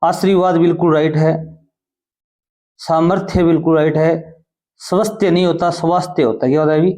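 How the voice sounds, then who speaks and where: Hindi teacher with a mellow tone. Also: male voice, on the high side, steady tone. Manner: explains step by step and asks quick questions. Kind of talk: exam prep lesson.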